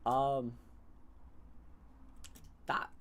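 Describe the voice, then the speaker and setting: A man giving casual, rambling commentary on a strategy game he is playing, often restarting phrases and mocking his opponents sarcastically. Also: very slow. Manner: rambling, sarcastic, self-correcting. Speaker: gaming YouTuber.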